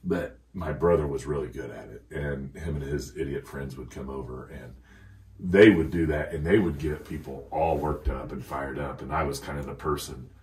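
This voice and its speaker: A middle-aged man with a very low, deep voice tells rambling stories and laughs through them. He sits a little back from the mic in an echoey room. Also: moderate pace, a little mellow, far from the mic. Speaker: podcast guest. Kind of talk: casual chat, storytelling.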